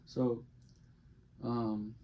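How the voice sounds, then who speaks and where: A man's voice: mid-range voice, little pitch movement, very slow. A man hosting a casual podcast chat, talking in a blunt, profane way. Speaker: podcast host. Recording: muffled, noisy recording.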